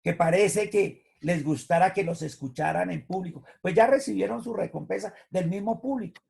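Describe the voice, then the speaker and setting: Male pastor, high voice, husky, gravelly, theatrical sermon. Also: moderate pace. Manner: animated, theatrical storytelling. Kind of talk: preached sermon.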